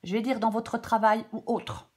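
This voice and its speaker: A woman with a cold-blocked nose gives casual, off-the-cuff tarot guidance in a halting, chatty way. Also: a little high, steady tone. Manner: halting, self-interrupting, chatty asides. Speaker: tarot reader.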